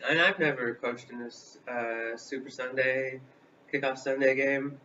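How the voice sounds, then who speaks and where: A man in his thirties rambles through a comic chat as co-host, full of fillers, halting restarts and detours. His voice is bright and forceful. He sits far from the mic, so the sound is dull and lo-fi, with a faint hiss behind it. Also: mid-range voice, fairly even intonation. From Illinois, US Midwest. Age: 30s. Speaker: co-host of a live vlog.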